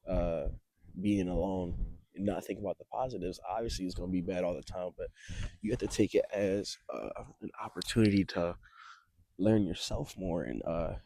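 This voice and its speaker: Out on a cold, windy, snowy beach, a young man vlogs, giving casual, rambling advice to camera in a hesitant, reflective way while shivering makes his voice shake. His voice is low-pitched and mellow with vocal fry, and the recording is dry.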